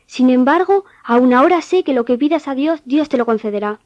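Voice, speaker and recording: A woman's voice: high-pitched, lively intonation, a little fast, darkish tone, no echo. A woman playing Martha, a grieving and faithful sister, in a dramatized scripture reading. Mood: pleading. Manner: earnest, pleading. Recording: dull, dry studio sound.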